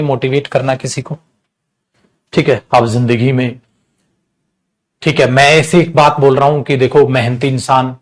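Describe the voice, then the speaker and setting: A man's voice: fairly high pitch, darkish tone. A man teaching an exam-prep lesson, casual and teacherly, mixing English terms into his explanations and calling his students beta.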